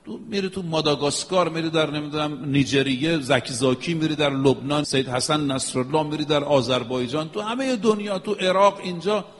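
A man's voice: a little high, few pauses. A man preaching a religious sermon, emphatic and rhythmic, chanting Arabic phrases now and then. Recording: long echo of a hall.

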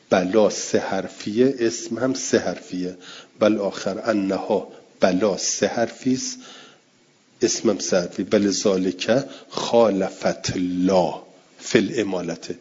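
A man's voice: fairly low pitch, a little mellow, husky. A man teaching a lesson on Quranic exegesis, reading Arabic text aloud and explaining it in casual colloquial speech. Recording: dull lo-fi recording.

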